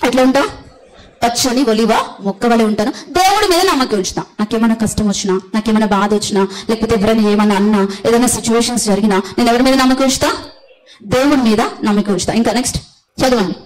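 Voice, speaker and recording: Forceful woman preaching a sermon. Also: on the high side, fairly even intonation, quick pace, rough recording. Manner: forceful, blunt preaching with repeated hallelujahs.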